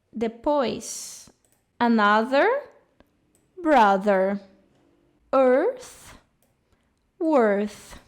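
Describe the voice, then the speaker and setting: A young woman teaching an English lesson in a chatty way, often checking in with the listener. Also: sits high. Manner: chatty, explains warmly with many "né?" asides. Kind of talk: casual video lesson.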